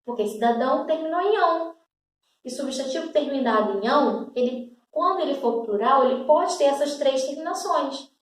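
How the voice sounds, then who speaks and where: A woman's voice: sits high, animated, normal speed. A woman teacher, explaining a school lesson patiently and checking in often with the class. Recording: echoey room, voice far from mic.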